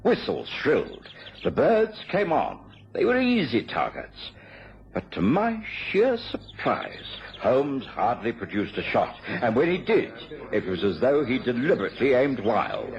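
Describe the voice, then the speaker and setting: Earnest gentleman doctor narrating, dull recording. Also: medium pitch, huge pitch swings. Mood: excited. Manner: measured, formal storytelling. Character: Doctor Watson, earnest English gentleman narrator and loyal companion. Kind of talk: dramatised first-person radio narration. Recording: dull lo-fi radio recording, loud music.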